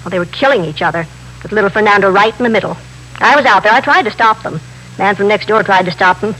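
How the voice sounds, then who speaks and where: Heard on a noisy vintage radio broadcast recording, a woman's mid-range voice at a quick pace plays, lightly acted, the excitable, chatty middle-aged widow who owns a candy store in a 1950s radio drama. She's animated and insistent, repeating herself in simple, slightly broken grammar.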